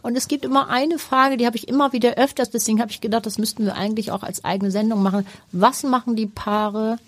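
A woman sex therapist co-hosting a podcast, explaining her approach in relaxed, searching sentences with fillers. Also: on the high side, quick pace, no room sound. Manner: explanatory, thinks aloud with fillers. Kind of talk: casual podcast chat.

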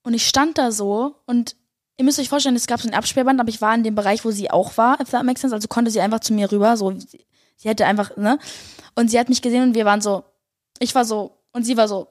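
A young woman, a singer and vlogger, excitedly telling her viewers a story, gushing and breathless, mixing English slang into her German. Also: on the high side, quick pace, no echo, clean studio sound.

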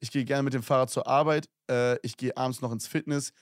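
A man's voice: medium pitch, fairly even intonation, brisk, no room sound, clean studio sound. A young man co-hosting a casual podcast, reading listener messages aloud with slang and laughs. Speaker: podcast co-host.

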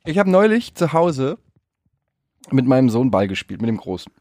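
A man in his thirties, a father telling a story in casual banter with friends, animated and swearing freely. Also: medium pitch, normal speed, dry recording. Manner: animated storyteller, swears freely, bursts into loud put-on shouts. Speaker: podcast co-host, father.

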